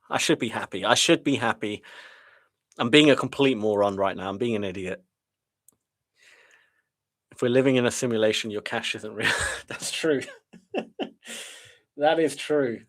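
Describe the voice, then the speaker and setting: A man's voice: on the low side, fairly bright tone. A man giving live trading commentary to his viewers in a frustrated, self-deprecating way, sighing as he muses. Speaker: day trader streaming live.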